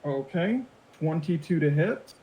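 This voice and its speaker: A man running a tabletop game as game master, making rulings with pauses and restarts. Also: a little high, lively intonation, warm tone. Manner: hesitant rulings, thinks aloud. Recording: roomy echo.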